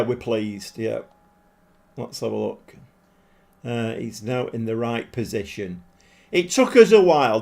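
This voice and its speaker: This is a man live-streaming a football management game and talking casually to viewers. He jokes at his own expense, gets worked up quickly, and speaks in a mid-range voice.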